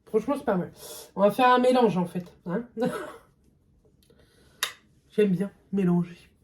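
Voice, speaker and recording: A woman's voice: mid-range voice, a little slow. A young woman vlogger chatting casually through a makeup test, hesitant and full of fillers. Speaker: beauty vlogger. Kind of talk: casual makeup vlog chat.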